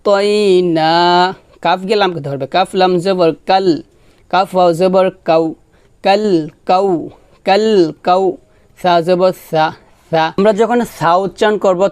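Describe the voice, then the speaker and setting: A man teaching Quran recitation, spelling out letters and chanting words slowly with long drawn-out syllables. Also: sits high, darkish tone, no room sound. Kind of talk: tajweed lesson, spelling and slow recitation.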